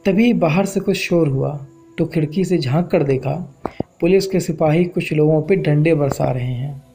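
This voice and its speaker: A man's voice: a little high, normal speed, dark tone, faint music behind. A man narrating a spoken-word story in an earnest, reflective way. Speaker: poet and storyteller.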